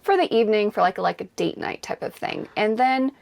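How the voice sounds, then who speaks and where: With a gravelly, darkish, mid-range voice, a woman talks expressively and a little fast. She is co-hosting a travel vlog, chatting casually to camera about life on the road and agreeing readily, with many yeahs.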